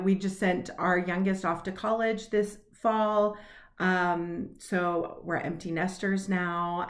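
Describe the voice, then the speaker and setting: A woman in her late forties chatting casually to camera about her cross stitch plans, upbeat and laughing at herself. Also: on the low side. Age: 40s.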